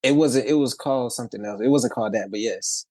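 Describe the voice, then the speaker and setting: A man's voice: mid-range voice, fast talker, dark tone, no room sound. A man from Louisiana who grew up in Texas, telling his story as a podcast guest in an easygoing, upbeat way. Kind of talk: casual conversational storytelling.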